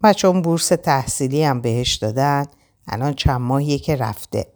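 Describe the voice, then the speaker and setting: A woman's voice: very deep voice, expressive, a little mellow. A woman reading the lines of a reproachful, blunt young man in a storybook. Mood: even. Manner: reproachful, firm.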